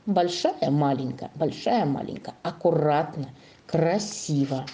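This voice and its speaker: A woman teaching a primary school class, coaxing the children with sing-song questions and drawing out words slowly as she dictates. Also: low-pitched, mellow. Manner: slow, drawn-out dictation to young children. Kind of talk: classroom lesson.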